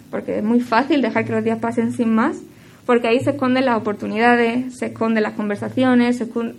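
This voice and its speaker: A woman delivers a devotional teaching in a slightly high voice. She speaks reflectively and haltingly, with many fillers and self-corrections, and her phrases often fade quieter at the end. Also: creaky. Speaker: speaker giving a devotional talk.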